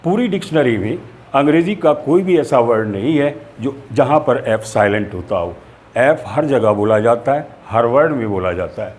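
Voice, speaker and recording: A man's voice: mid-range voice, animated, moderate pace, darkish tone. A man teaching a lesson, explaining spellings steadily and spelling words out letter by letter.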